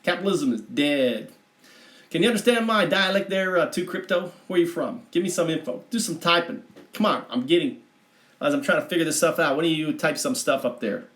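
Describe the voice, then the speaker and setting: Putting on a Southern drawl, this man plays a loud-mouthed country livestreamer who brags, rambles and cusses offhandedly at his audience in a folksy, chatty mood. His voice is fairly high, fairly quick and fairly bright, only lightly acted, heard through echoey room audio.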